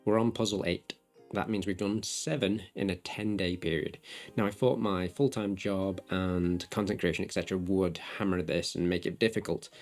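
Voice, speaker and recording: A man talking through a hobby challenge in a casual vlog. He sounds relaxed, chatty and self-reflective. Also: sits low, vocal fry. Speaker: hobby vlogger. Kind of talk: casual vlog narration and updates.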